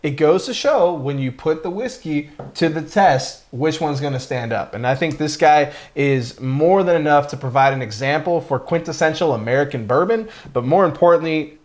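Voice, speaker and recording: A man's voice: on the high side, lively intonation, normal speed, few pauses, a little mellow. A man co-hosting a casual whiskey review, talking enthusiastically and rambling with many fillers.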